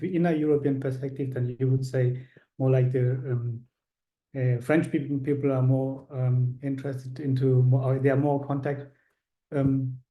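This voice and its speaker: A man's voice: mid-range voice, dark tone, roomy sound. A man from Sri Lanka, a course participant, sharing his thoughts on a video call in a rambling way, with many fillers.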